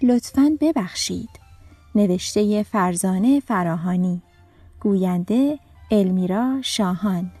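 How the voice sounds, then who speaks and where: A woman narrating a children's story in a clear, expressive storytelling manner. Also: medium pitch, faint music behind.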